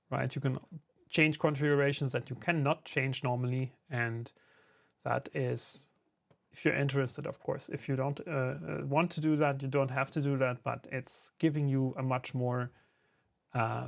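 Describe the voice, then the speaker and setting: This streamer and YouTuber, a native German speaker talking English with an accent, works on a 3D printed enclosure while replying to viewers in his chat. His voice sits at medium pitch with some vocal fry and a normal pace. The tone is easygoing, with plenty of filler words.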